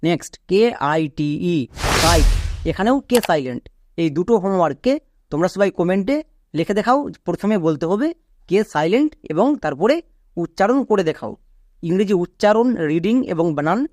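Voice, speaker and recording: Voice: mid-range voice, a little mellow, no room sound, studio quality. A teacher giving an online pronunciation lesson. They patiently repeat each rule and spell words out one letter at a time.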